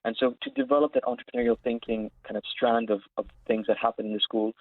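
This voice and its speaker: This Saudi interviewee in his twenties, who founded an education platform, explains his answers informally via a remote call line that sounds narrow like a phone. His mid-range voice swoops wildly in pitch, moves fast and turns creaky, and the recording is dry.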